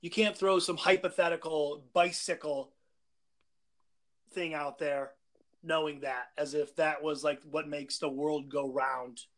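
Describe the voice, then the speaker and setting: A man's voice: fairly high pitch, steady tone, measured pace, fairly bright tone, dry recording. A man co-hosting a casual chat, teasing and stubbornly arguing his side. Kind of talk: casual banter.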